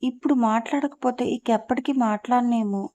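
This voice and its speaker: A woman reading the part of a badly injured young man speaking gently to the woman he loves. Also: a little high, steady tone, fairly quick, dry recording, muffled recording, close to an everyday voice. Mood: weak tender.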